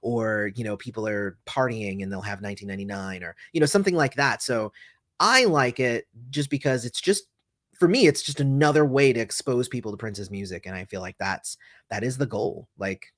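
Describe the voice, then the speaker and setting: On a relaxed stream, a man works through viewer comments by reading them out and meandering through answers full of fillers and restarts. His fairly low voice is brisk and a bit bright, with clean studio sound and no room tone.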